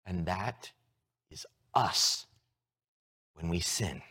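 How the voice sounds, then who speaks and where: A man preaching a sermon, moving from hushed, low lines to loud, excited ones as he acts out everyday scenes. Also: extremely slow, breathy edge. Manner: animated, with props and shifts from hushed to loud. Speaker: pastor.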